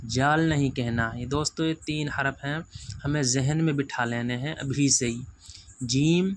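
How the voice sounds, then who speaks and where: Male teacher, flat even delivery, faint hiss behind, slow stretched-out letters. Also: mid-range voice. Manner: patient, repetitive, drawn-out letter sounds, keeps saying "friends". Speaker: Quran reading teacher. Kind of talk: letter-by-letter pronunciation lesson.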